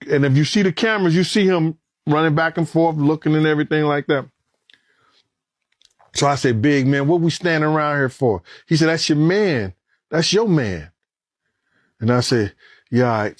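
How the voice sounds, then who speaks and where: A man's voice: no echo, studio quality. A man who was once a bodyguard, telling a story in an interview with street slang and acting out what people said. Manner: street slang, acts out quoted lines; grows louder and higher in tense moments. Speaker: former bodyguard.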